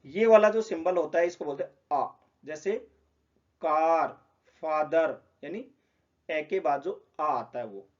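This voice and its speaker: A man's voice: fairly high pitch, expressive, normal speed, a little mellow, muffled recording. A man explaining a lesson, patiently repeating example words. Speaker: teacher.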